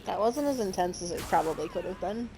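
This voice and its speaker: A woman's voice: mid-range voice, animated, quick pace, heavy background noise. A woman casually commenting on a video game as she plays it.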